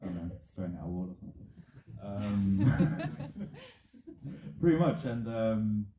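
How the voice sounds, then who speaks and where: A man on a film panel answering earnestly in a halting way, full of fillers. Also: on the low side, big pitch swings, mellow, slight background noise. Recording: echoey, tinny sound.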